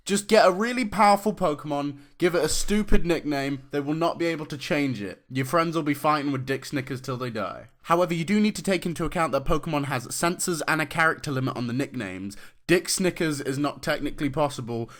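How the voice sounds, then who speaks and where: A young male YouTuber gives crude, mocking commentary with a sarcastic bite. His voice has a mid-range pitch and a bright, forceful edge. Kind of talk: comedic top-five commentary.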